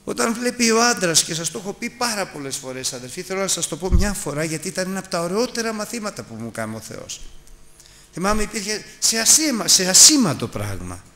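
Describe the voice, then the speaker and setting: A man's voice: sits high, sing-song, pushed and bright. A middle-aged man preaching a Bible lesson to his congregation. He tells a personal story, then urges his listeners directly. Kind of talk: Bible teaching sermon.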